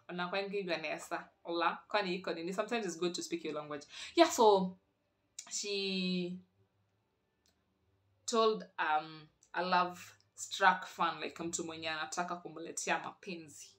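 Bright-voiced Kenyan woman vlogging. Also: lowish voice, unhurried. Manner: playful, teasing, chatty, switching between languages mid-sentence. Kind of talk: casual chat.

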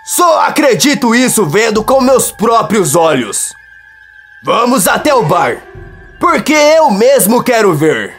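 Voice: medium pitch, sing-song, takes it slowly, breathy edge, voice pushed up, exaggerated voice. A narrator voicing a stunned man who insists on seeing the news for himself, over faint music. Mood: disbelieving. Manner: insistent disbelief.

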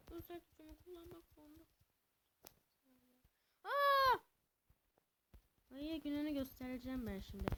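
A young woman giving casual, excitable commentary while playing a video game, swinging between cheering and complaining. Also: sits high, noisy background. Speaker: gameplay commentator.

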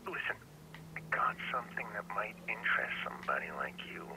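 An actor playing a jittery, eccentric male informant in a video game, speaking in a halting, conspiratorial, breathy voice. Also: fairly low pitch, big pitch swings, very noisy.

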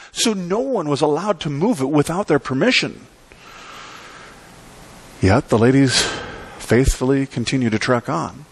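Middle-aged male pastor, animated pulpit preaching with dramatic pauses, church sanctuary. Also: a little high, no room sound. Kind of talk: sermon.

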